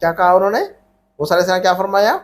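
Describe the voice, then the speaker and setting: High-voiced man drilling Arabic grammar. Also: fairly even intonation, racing. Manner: patient, repeats questions and prompts students to answer back. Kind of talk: classroom grammar lesson with call-and-response drilling.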